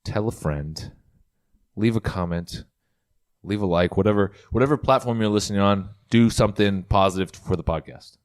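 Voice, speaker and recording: Very low-voiced male podcast host, relaxed, restarts his words a lot. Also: moderate pace. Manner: easygoing, repeats words as he talks. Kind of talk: casual podcast chat.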